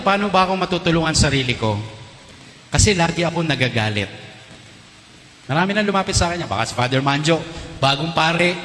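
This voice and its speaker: Filipino priest preaching in an echoey hall. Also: male voice, a little high, fairly bright tone, slight background noise. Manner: playful, teasing questions to the crowd, code-switching with English. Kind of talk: teaching sermon to a live audience. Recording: roomy hall reverb, faint ambience.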